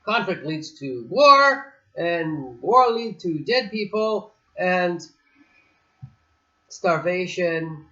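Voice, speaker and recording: A man's voice: sits high, lively intonation, extremely slow, pushed and bright. A man chatting casually on a beach, telling a story in a rambling, digressive way with many restarts. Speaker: host. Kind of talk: casual chat. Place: outdoors on a beach. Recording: dull lo-fi recording.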